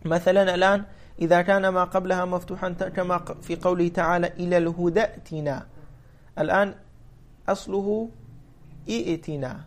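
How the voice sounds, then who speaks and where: A man with a voice a touch higher than most teaches a classical grammar lesson. He moves step by step, restating each point in new words. He often puts a question to his students and answers it himself. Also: level tone, fairly quick. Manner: repeats phrases and restates them for clarity. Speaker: teacher of Arabic morphology.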